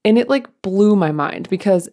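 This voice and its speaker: Chatty creaky-voiced woman co-host. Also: mid-range voice, expressive, moderate pace, mellow. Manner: rambling, chatty, many fillers. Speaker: podcast co-host, mother. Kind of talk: casual chat.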